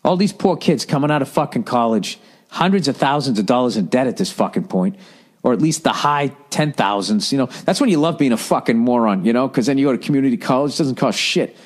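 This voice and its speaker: An expressive, fast-talking middle-aged American man with a breathy edge hosts a podcast, reading listener letters in a casual advice rant. He's blunt and profane, swearing freely and slipping into mocking, higher-pitched put-on voices.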